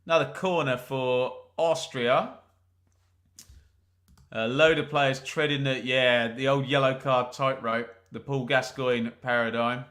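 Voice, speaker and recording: A mid-range, fairly bright voice with a steady tone carries this live match commentary from an English host. Speaking at a measured pace, he runs a football watch-along, describing the play and joking with viewers through frequent asides.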